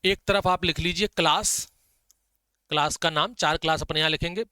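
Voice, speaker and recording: Guy teaching biology, high bright voice, says the key terms super slow so you can write them down. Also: fairly even intonation, clean tone, no echo. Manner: repeats key terms slowly for dictation, chatty asides. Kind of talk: Hindi-English exam-prep lecture, dictating notes.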